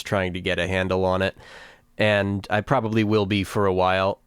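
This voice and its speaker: A man's voice: on the low side, clear, resonant tone, no echo, studio quality. A man hosting a casual podcast chat, with jokey, folksy announcer phrasing. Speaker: podcast host.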